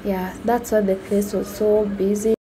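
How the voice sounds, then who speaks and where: A woman's voice: medium pitch, flat delivery, a little slow, mellow, a little hiss or hum. A young woman with a Kenyan accent chatting casually to her viewers, asking them questions, with plenty of fillers. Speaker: vlogger. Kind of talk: casual vlog chat to viewers. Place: busy outdoor village market at dusk.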